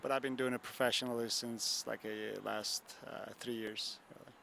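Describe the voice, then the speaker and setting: Speaking at normal speed in a medium-pitched, fairly even voice, this young man from Turkey has vocal fry and a bright, forceful tone. A photographer guest at a bar and grill, he rambles through interview answers with plenty of fillers and "you know what I'm saying," over a little hiss or hum.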